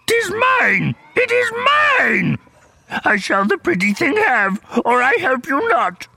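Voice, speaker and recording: A man voicing an impish, mischievous little old swamp creature with a raspy croak, hammy stage delivery and inverted archaic phrasing. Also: very high voice, huge pitch swings, slow, sharp tone, no echo, full character voice. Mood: mischievous, indignant.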